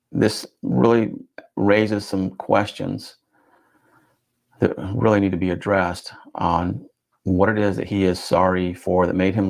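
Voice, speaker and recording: A man doing statement analysis in a measured, questioning way, dwelling on and repeating key phrases. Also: deep voice, gravelly. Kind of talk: analytical commentary.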